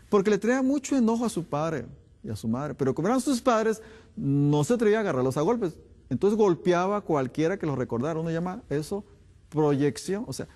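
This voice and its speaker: Male doctor, fairly high voice, emphatic lecture style with many rhetorical questions. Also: a little mellow. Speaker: doctor giving a health talk. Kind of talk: health lecture to an audience.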